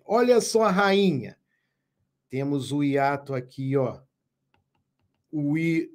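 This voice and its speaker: A man teaching a live online grammar lesson, speaking slowly and emphatically, repeating key words and asking viewers questions. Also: on the high side. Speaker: Portuguese teacher.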